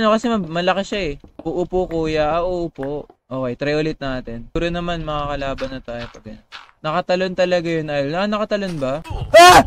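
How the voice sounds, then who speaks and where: Young guy streaming a game, bit high voice, chatty, reads chat out loud, faint hiss behind. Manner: chatty, reads chat aloud, screams when startled. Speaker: gaming streamer. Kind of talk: live Minecraft stream commentary.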